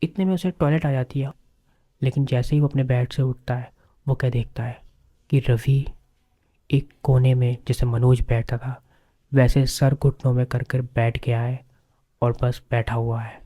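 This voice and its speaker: Casual male horror narrator, level delivery, dark mellow tone. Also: mid-range voice, fairly even intonation, measured pace. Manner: casual, conversational, repeats filler words. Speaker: storyteller.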